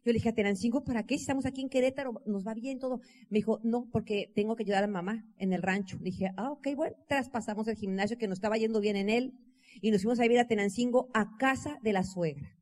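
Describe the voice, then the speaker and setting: A Mexican woman with a Mexican accent, telling her life story to an audience in an animated way, acting out dialogue and often saying "o sea". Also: on the high side, quick pace. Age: 20s. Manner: expressive, acts out dialogue, laughs, uses "o sea" and "¿no?" a lot.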